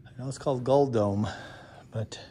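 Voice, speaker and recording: A man's voice: mid-range voice, normal speed, dark tone, slight background noise. A man vlogging outdoors at an abandoned mine, casually thinking aloud in an offhand, musing way. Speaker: explorer vlogger. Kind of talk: casual walk-and-talk narration. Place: outdoors at an abandoned mining mill.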